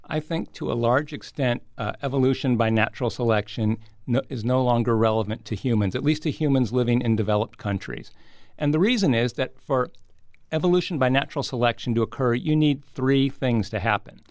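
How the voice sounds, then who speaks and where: A man giving measured, articulate explanations as a scientist guest in an interview. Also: medium pitch, a little mellow, dry recording, clean studio sound.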